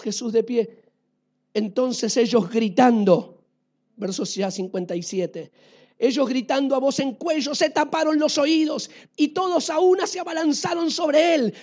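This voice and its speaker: A woman preacher with a Rioplatense Spanish accent giving a lively sermon. She asks her listeners questions and swings between loud and quiet. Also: on the high side.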